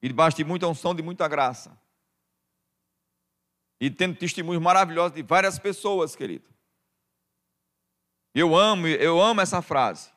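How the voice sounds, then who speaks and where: A middle-aged man with a Brazilian Portuguese accent, preaching a sermon as pastor, calling the congregation "dear" over and over and swinging from hushed to loud. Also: on the high side, expressive, moderate pace, pauses often. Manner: addresses the congregation as "querido" constantly, swings from quiet to loud.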